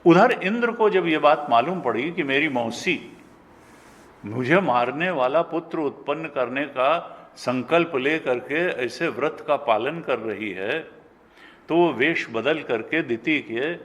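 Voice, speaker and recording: Older indian swami w/ north indian hindi accent, tells scripture stories slow, voices the characters, long hall echo. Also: male voice, a bit bright. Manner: storytelling, acting out dialogue with rising pitch. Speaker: spiritual teacher.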